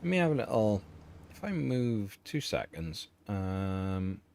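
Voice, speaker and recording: Rambling low-voiced man, lively. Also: slow pace, creaky, a little hiss or hum. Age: middle-aged. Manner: rambling, chatty, laughs often. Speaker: livestream host. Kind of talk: casual livestream chat.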